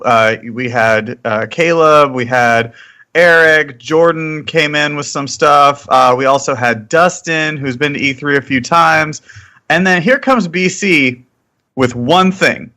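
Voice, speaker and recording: A man's voice: a little high, lively intonation, a little slow, bright, forceful tone. A man hosting a gaming podcast in a casual, jokey, upbeat chat. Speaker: podcast host.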